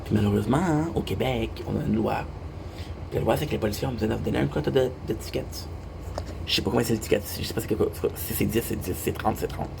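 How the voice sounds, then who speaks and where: A man's voice: on the low side, fast talker, vocal fry. A young Québécois man telling a rambling story in a casual monologue, repeating himself and swearing casually. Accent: Québécois French. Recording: noisy background hum.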